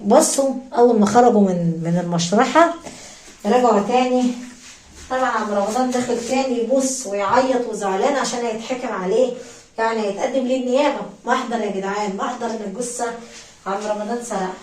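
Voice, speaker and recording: A woman's voice: a little high, fast talker, darkish tone, echoey room, far from the mic, slight background noise, rough recording. A woman with an Egyptian accent telling a story in a chatty way, speaking straight to her listeners. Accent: Egyptian Arabic. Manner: chatty, addresses listeners directly. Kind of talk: casual spoken storytelling.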